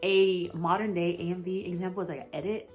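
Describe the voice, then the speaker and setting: A woman's voice: lowish voice, steady tone, a little fast, darkish tone, soft background music. A young American woman chatting casually in a vlog, rambling and gushing with lots of fillers and giggles. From United States. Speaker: vlogger. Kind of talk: casual chat.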